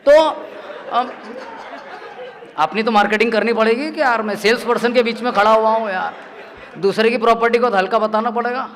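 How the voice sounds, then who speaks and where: A man's voice: high voice, brisk, pauses often, a bit bright, some chatter behind. A man performs as a comic poet on stage. He talks in chatty, self-mocking stories and slips into the voices of the people in them. He speaks into a stage microphone at a live poetry gathering. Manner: chatty storytelling, acts out quoted voices, laughs often. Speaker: stand-up comedic poet. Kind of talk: humorous poetry-stage banter.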